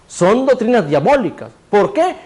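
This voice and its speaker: Male preacher, high voice, sermon delivery, rhetorical questions answered himself, cues a reader to repeat verses. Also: big pitch swings, normal speed, darkish tone. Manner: asks the congregation rhetorical questions and answers them; directs a reader to repeat scripture phrases.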